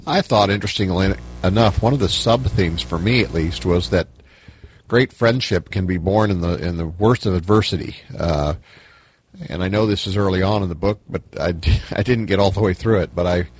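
A man's voice: deep voice, normal speed, husky, no echo. A man sharing reflective thoughts in a casual book discussion.

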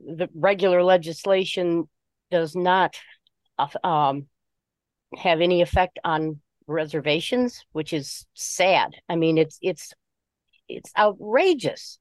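In a dry recording, a woman with a low voice offers her views during a casual book group discussion. She talks slowly and with hesitation, carefully searching for words.

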